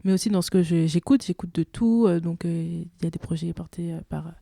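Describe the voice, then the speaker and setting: Young woman, interview guest, hesitant, filler-heavy, lowish voice, dry recording. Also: a little fast, gravelly, warm tone, no echo. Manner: hesitant, many fillers and restarts. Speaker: singer-guitarist guest. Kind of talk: casual interview chat.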